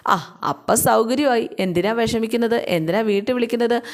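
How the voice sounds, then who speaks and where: A woman casually recapping a TV serial episode, with drawn-out fillers and quick bits of acted-out dialogue. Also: a little high. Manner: chatty retelling, frequent drawn-out fillers, acts out quoted lines. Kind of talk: casual spoken story recap.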